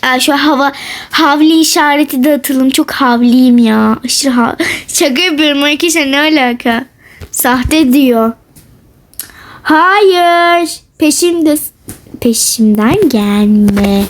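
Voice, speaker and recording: A young woman chatting casually and playfully while commenting on her gameplay for her channel. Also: high voice. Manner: chatty, playful, often drawn-out and teasing. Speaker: gaming vlogger.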